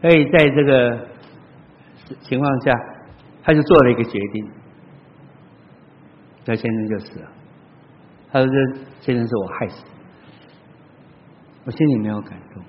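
A man's voice: medium pitch, moderate pace, long pauses. Preacher man in a reverberant hall. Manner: storytelling preacher, swinging between loud exclaims and soft asides. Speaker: pastor. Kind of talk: sermon. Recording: long hall reverb, dull lo-fi sound.

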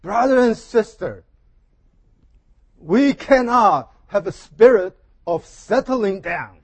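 A high-voiced man preaches into a pulpit microphone, delivering his sermon in short, deliberate phrases with pauses so an interpreter can follow. His voice is expressive and slightly rough, taking its time over each phrase. The sound is close and dry, with almost no room echo.

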